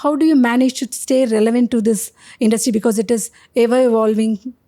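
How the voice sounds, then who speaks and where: A middle-aged woman with an Indian accent presents as an interview host. Her voice sits fairly high but has a mellow, dark-edged tone. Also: fairly even intonation, a little fast. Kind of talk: scripted introduction and interview questions.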